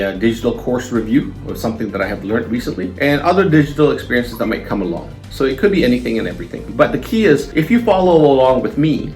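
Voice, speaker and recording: A man's voice: mid-range voice, darkish tone. A man in his fifties, a small business owner, talking casually and earnestly to camera in his vlog, rambling a little with restarts. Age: 50s.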